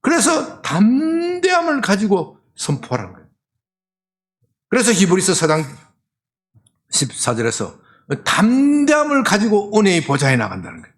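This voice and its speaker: A male pastor delivers a sermon in an animated way, throwing rhetorical questions at his listeners. His voice is fairly high and swoops through a wide pitch range. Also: normal speed, long pauses. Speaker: senior pastor.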